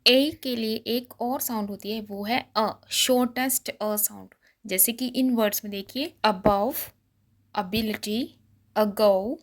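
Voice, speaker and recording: Bright-voiced woman teaching letter sounds. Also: fairly high pitch, fairly even intonation. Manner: slow, stretched demonstration of letter sounds. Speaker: English teacher. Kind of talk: Hindi-English lesson explanation.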